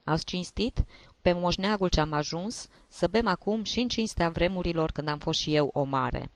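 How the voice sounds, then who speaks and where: Give me a man playing a sentimental old drunk journalist with a high, reedy tenor. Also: animated, slight background noise. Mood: nostalgic. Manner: rambling, grandiloquent and sentimental. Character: tipsy old male journalist giving toasts.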